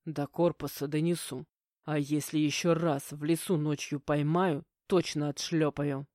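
A woman voicing a gruff, burly young man who speaks in a low husky rumble, curt and commanding, in a storybook reading. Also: steady tone, measured pace, dark tone, no room sound, studio quality. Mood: gruff stern. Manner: curt, menacing growl.

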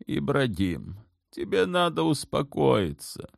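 A man's voice: medium pitch, huge pitch swings, slow, gravelly, dry recording, clean studio sound, pitched above the performer's own voice, heavily acted. A man voicing the sultan's mother in an audiobook, an older woman who speaks firmly and measuredly, clipped when pressed. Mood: weary. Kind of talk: audiobook character voice.

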